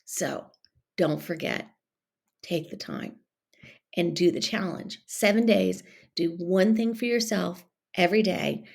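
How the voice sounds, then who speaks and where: A woman's voice: lowish voice, slow pace, creaky, a little mellow, breathy edge. A middle-aged woman, chatting encouragingly to her podcast listeners. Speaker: podcast host. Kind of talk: casual motivational talk.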